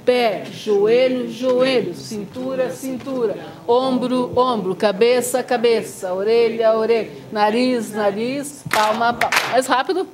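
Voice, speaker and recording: Woman workshop teacher, fairly high voice, animated and demonstrative, live room with faint noise. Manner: lively and demonstrative, drops to a soft low voice to make a point; chants body parts in rhythm. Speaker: Suzuki violin teacher leading a workshop. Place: workshop room with a group of students.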